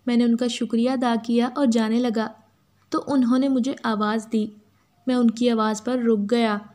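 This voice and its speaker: A woman with an Urdu accent reading a first-person story as a steady, even narrator. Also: on the high side, moderate pace.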